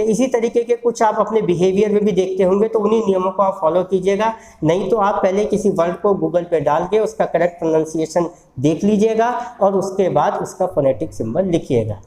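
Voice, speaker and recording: A man's voice: high-pitched, dark tone, reverberant, rough recording. A man teaching English phonetics in a recorded lecture. He explains step by step, asking the class questions and answering them himself.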